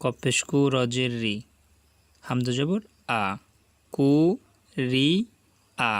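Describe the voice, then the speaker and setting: A man's voice: mid-range voice, fairly even intonation, extremely slow, fairly bright tone, clear, resonant tone. Patient man drilling syllables, dry close sound. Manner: patient, repeats each syllable for learners to echo. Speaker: Quran reading teacher. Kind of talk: slow spelling drill lesson.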